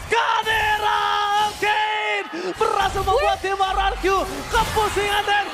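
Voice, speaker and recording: An Indonesian man shouts play-by-play as a fighting game announcer. His voice is pushed extremely high, with dramatic, stretched-out calls. Loud music plays behind him. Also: completely flat delivery, a little slow, a crowd in the background. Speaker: esports match caster.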